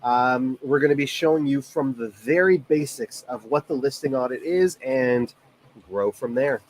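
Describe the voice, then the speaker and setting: A man's voice: medium pitch, normal speed, slight background noise. A man from Toronto with a Canadian accent co-hosting a live webinar, casually explaining in an easygoing, friendly way. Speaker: webinar co-host.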